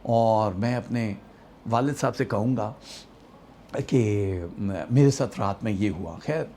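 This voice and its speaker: Storyteller, male, mellow tone, acts out quoted dialogue, faint room hiss. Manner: animated storyteller, acts out quoted dialogue, rising emotional pitch. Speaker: actor and astrologer telling a personal story. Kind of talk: storytelling monologue.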